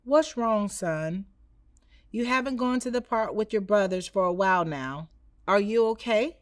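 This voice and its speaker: A caring storybook father, played by a woman reading aloud. He speaks gently and reassuringly, encouraging his child. The sound is dry and close. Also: medium pitch, animated, unhurried, no echo, lightly acted. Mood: concerned.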